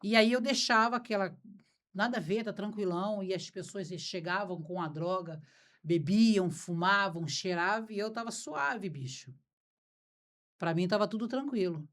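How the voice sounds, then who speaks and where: A woman's voice: medium pitch, normal speed. A Brazilian woman hosting a podcast, talking frankly and informally. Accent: Brazilian Portuguese. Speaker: podcast host. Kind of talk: conversational interview.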